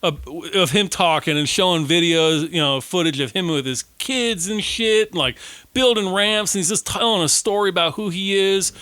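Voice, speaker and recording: A man's voice: sits high, normal speed, sharp tone, clear, resonant tone, no room sound. A man in his late thirties co-hosting a podcast, chatting casually with lots of swearing and laughter. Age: late 30s. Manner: profane, enthusiastic, laughing. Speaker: podcast co-host.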